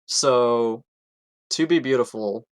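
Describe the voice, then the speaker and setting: A man's voice: medium pitch, takes it slowly, no echo, clean studio sound. Hesitant, laughing male co-host. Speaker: podcast co-host. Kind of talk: casual chat.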